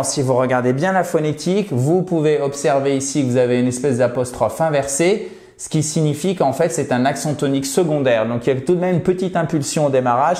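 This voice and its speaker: A man teaching an English lesson in French, patiently repeating English words slowly to drill their pronunciation. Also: a little high, a little mellow, echoey room. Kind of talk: video lesson at a whiteboard.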